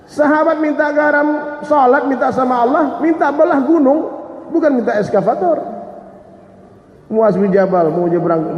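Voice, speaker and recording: A man preaching a sermon, talking directly and jokingly to his listeners. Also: high voice. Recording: echoey hall, dull sound.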